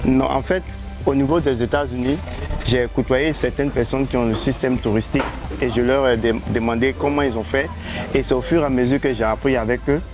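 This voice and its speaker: A man's voice: medium pitch, fairly even intonation, a little fast. A man from Côte d'Ivoire, interviewed outdoors as a guest, speaking hesitantly with many restarts. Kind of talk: street interview. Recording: music bed underneath.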